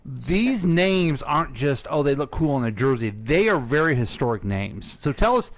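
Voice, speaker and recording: In a radio studio, a man hosts a local history show, chatting casually and playfully while steering the questions. His mid-range voice has lively intonation and a normal pace, captured cleanly on a studio microphone with no room sound.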